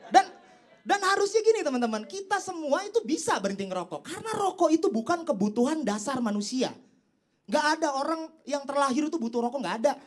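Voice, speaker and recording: A young man performing a stand-up comedy set on stage, teasing the crowd and leaping up in pitch for his punchlines. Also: sing-song, quick pace. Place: comedy stage before a live audience. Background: audience laughter and applause.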